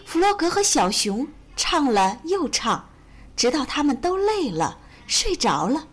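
Lively, high-pitched woman reading a children's story. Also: measured pace. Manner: gentle, expressive, sing-song.

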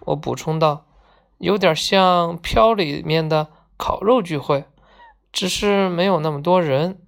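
A woman reading a children's storybook aloud, gently voicing each character in turn. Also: lowish voice, creaky. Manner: slow, gentle, acts out each character's lines.

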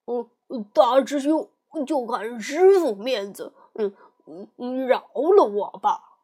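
A woman's voice: fairly high pitch, lively intonation, takes it slowly, mellow. A woman storyteller voicing a cowardly, greedy male pig monk who hems, fawns and pleads. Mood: pleading. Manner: hemming, fawning, pleading. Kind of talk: storybook character voice.

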